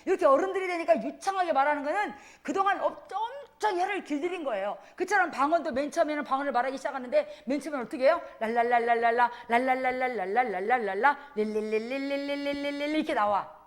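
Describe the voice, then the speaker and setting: High-voiced, animated woman preacher. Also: racing. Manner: animated, demonstrative, often laughing. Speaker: missionary preacher. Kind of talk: lively church teaching. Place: church.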